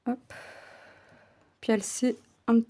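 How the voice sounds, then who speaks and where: A woman casually chatting while she works on her cross-stitch, often stumbling over her words and dropping into soft, whispered asides. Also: takes it slowly.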